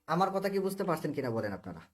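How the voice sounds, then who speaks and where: A very animated man with a Bangladeshi accent teaches English in a live online class, his voice on the high side and rapid-fire. He explains patiently, says things more than once, and constantly asks whether students understand.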